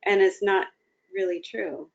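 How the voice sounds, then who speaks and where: Talking as a guest on a video call, a woman shares casual, reflective personal thoughts and sounds encouraging. Her mid-range voice is gravelly and darkish, steady and a little slow, heard through dull, lo-fi call audio.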